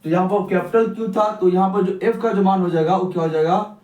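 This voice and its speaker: High and fairly quick, with a darkish tone, a young physics teacher poses questions to the class and then answers them himself. The sound is echoey, picked up by a distant mic.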